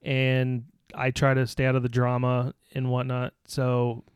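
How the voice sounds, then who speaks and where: A man with a smooth, clear voice of middle pitch tells stories in an easygoing way, with jokes and some swearing. The recording is close and dry, with no room sound. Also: completely flat delivery, unhurried, dry recording. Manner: easygoing storyteller, joking, profane. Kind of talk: casual podcast chat.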